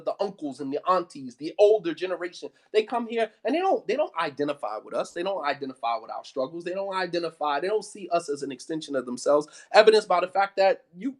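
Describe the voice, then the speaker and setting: An American man, an Islamic studies teacher, giving an impassioned, emphatic talk that keeps repeating his points and asking if you follow. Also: sits high. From United States. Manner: emphatic, repetitive, peppered with 'you know what I mean'.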